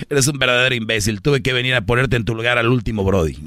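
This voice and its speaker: Teasing Mexican man with a bright voice. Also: medium pitch. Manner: mocking, teasing. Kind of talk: teasing banter.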